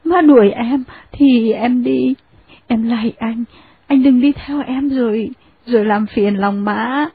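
A woman voicing a timid, dutiful young wife who speaks softly and humbly. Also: on the high side, takes it slowly, slightly rough, heavily acted. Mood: humble. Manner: soft, humble. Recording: phone-like narrow sound.

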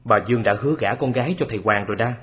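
Người đàn ông đóng luật sư hăng hái, hay thốt lên. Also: male voice, mid-range voice, rapid-fire, a bit bright, natural voice. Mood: eager. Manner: exclaiming, eager questioning. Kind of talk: radio drama reading. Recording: long hall reverb.

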